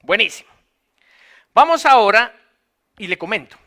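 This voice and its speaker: High, tense-voiced man lecturing. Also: big pitch swings, pushed and bright. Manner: repeats phrases slowly for dictation. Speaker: law lecturer. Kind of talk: dictated lecture to note-taking students.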